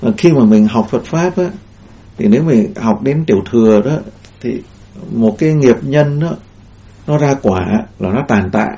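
A man's voice: medium pitch, expressive, moderate pace, mellow. A man giving a Buddhist dharma talk in a rambling way, with many fillers and restarts. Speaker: Buddhist teacher. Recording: dull lo-fi recording.

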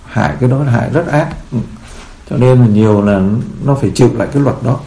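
A man's voice: mid-range voice, quick pace, mellow. A man as a Buddhist teacher giving a sermon, telling stories in a rambling way with many fillers, in a roomy echo.

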